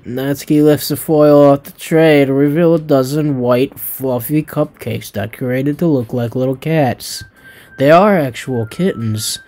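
A man's voice: mid-range voice, a little slow, darkish tone. A man hosting a let's play, reading a visual novel aloud with jokes, swearing and tripping over his words.

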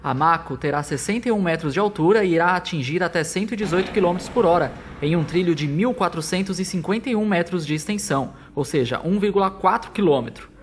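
A man's voice: high voice, lively intonation, quick pace, hardly any pauses, slight background noise. A Brazilian man reading a scripted promotional news narration as the reporter.

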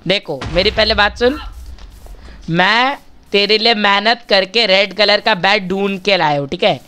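Chatty male gamer, smooth clear voice. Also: high voice, unhurried, bright, forceful tone. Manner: chatty, bargains with viewers for likes. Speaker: gaming channel host. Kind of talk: casual gaming commentary.

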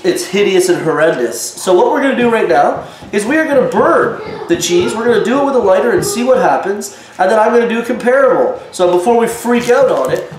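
A high-pitched man in his thirties, stuffed up with a head cold, vlogs casually from his home kitchen, speaking indignantly to the camera in a warning tone. The camera mic sits a short distance away, and the kitchen sounds echoey with faint noise.

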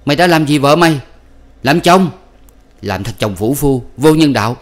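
A male audiobook reader voicing a preachy older man who loudly lectures and scolds. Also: mid-range voice, expressive, moderate pace, voice pushed up, natural voice. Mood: scolding. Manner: loud, lecturing, shouting reproach. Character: bossy older male family counselor, preachy.

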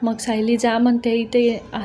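A woman's voice: fairly high pitch, completely flat delivery, measured pace, warm tone, a little hiss or hum. A woman casually retelling episode scenes, reading every character's lines herself. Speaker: serial recap narrator. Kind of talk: casual spoken recap.

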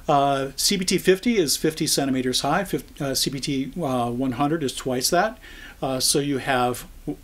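Thinking things through as he goes, a man in his sixties from the US explains a product in a casual, halting manner. He works as a product trainer and speaks in a mid-range voice.

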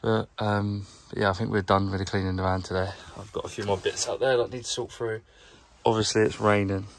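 A young man, a plumber, chatting casually to camera in a rambling, low-key way while tidying his van, filmed on a handheld phone. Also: level tone, a little fast, a little hiss or hum. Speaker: plumber vlogger. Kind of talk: casual vlog narration while working. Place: inside a work van, outdoors nearby.

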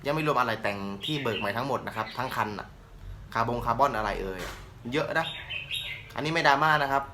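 A young man from Thailand with a slight northern Thai accent, a channel host casually answering viewers' questions in a relaxed, joking way. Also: mid-range voice, noisy background. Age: young adult. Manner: relaxed, joking, laid-back. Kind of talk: casual Q&A chat.

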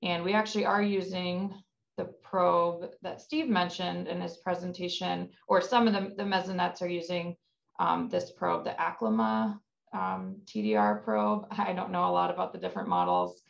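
A woman's voice: fairly low pitch, moderate pace, creaky. A woman researcher giving a conference presentation over a video call, explaining step by step with frequent ums and self-corrections. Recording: dull lo-fi webinar audio.

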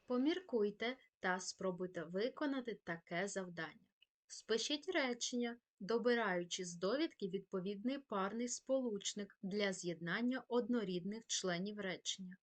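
A woman teacher reading a scripted grammar lesson, saying her examples slowly and carefully as if dictating. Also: medium pitch, animated.

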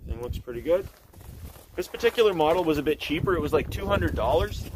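A man in his forties giving a relaxed, folksy how-to demonstration outdoors in a snowy yard, talking on a camera mic that drifts nearer and farther. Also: on the high side, fairly quick. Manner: relaxed, folksy, thinks aloud with fillers. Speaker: channel host demonstrating chainsaw maintenance. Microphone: camera mic, he moves nearer and farther. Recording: outdoor camera audio with clear background noise.

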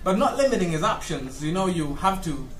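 A man's voice: high voice, sing-song, a little fast, a bit bright. A man in a comic monologue, arguing with himself back and forth, sweary and combative. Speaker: comedy skit performer. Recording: echoey room.

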